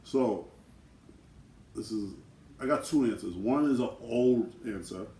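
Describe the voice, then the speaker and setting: A man co-hosting a casual question-and-answer video with his twin brother, talking in a relaxed, slangy way. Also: medium pitch, slow, creaky, recorded from a distance. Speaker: co-host twin. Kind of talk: casual Q&A chat. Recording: echoey room with faint noise.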